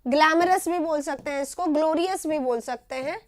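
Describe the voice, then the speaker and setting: A woman with an Indian accent teaches English vocabulary in a live online class, explaining each word in short, repeated phrases and frequently checking in with "right?". Her voice is high, at normal speed.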